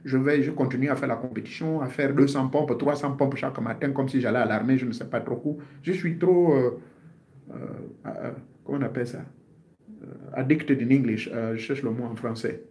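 A martial artist in his fifties delivers an earnest, informal health-advice monologue to his viewers, repeating himself and hunting for words. His medium-pitched, darkish voice is brisk with fairly even intonation, over slight background noise.

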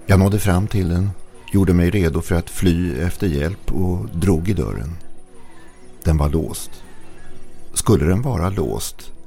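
A man with a gravelly voice reading a scripted horror story in a low, hushed, suspenseful way. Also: expressive. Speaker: narrator. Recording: narration over faint music.

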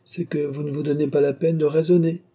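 Man putting on a sulky young royal mistress, raised pitch, husky dark tone, storybook reading. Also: level tone, fairly quick, lightly acted. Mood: coaxing. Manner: sulky, teasing, mock-indignant. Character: proud, witty young woman, a royal mistress. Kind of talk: audiobook character reading.

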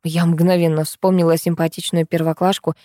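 A woman narrating a first-person audiobook in a lively, ironic manner. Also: on the low side, fairly quick, dry recording, studio quality.

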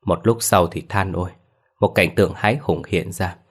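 A man's voice: low-pitched, fairly even intonation, normal speed. A man narrating a Vietnamese horror story in a grim, dramatic scripted style.

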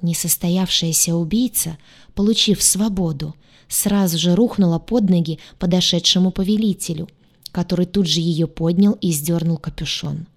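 Female audiobook narrator, lower voice, steady storytelling read. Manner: measured storytelling.

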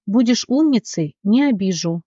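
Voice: lively intonation, dark tone, slightly rough, dry recording. A narrator doing a leering young brute. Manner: slow, low, gloating drawl. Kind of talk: audiobook character voice. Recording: dull dry recording.

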